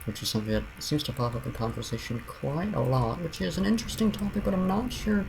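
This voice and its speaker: A man streaming a building game, giving casual commentary and rambling aloud with frequent restarts and soft trailing mutters. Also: fairly high pitch, animated, fast talker, vocal fry, background noise.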